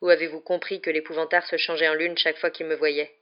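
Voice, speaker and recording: A woman voicing a grown male wizard teacher who speaks calmly with restrained emotion, on a slightly muffled recording. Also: deep voice, fast talker, natural voice. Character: calm, weary adult male wizard teacher.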